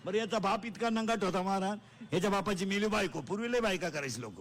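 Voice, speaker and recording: A man preaching a comic devotional kirtan, loud and teasing, quizzing his crowd and chanting repeated phrases in a singsong. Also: sits high, fast.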